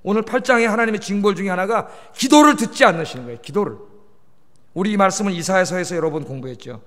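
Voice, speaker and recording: Pastor guy preaching hard, high lively voice, lots of church echo. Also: fast talker. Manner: emphatic preaching, pleading with and questioning the congregation. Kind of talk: sermon. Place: church sanctuary. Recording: long church reverb.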